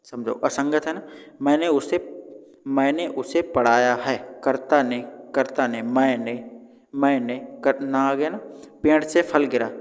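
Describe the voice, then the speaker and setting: Monotone man teaching in a reverberant room. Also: medium pitch. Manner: thinks aloud, corrects himself, repeats phrases. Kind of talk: casual exam-prep lesson. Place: indoors, at home.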